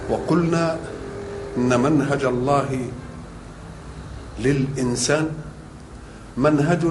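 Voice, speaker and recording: A man giving a sermon, explaining in a measured way and rising to stress key points. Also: medium pitch. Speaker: religious scholar. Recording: echoey room with faint noise.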